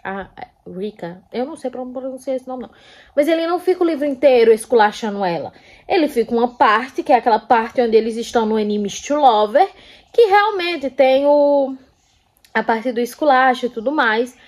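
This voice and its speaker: Young woman vlogger, relaxed book-review chat, a touch high-pitched, lively retellings with scoffing asides. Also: normal speed. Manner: animated, acts out characters' lines with scoffing asides.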